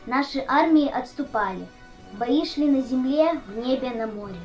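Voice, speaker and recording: A woman's voice: high voice, expressive, normal speed, a little mellow, rough recording. A female school radio host reading a scripted commemorative narration as an earnest recitation. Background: music.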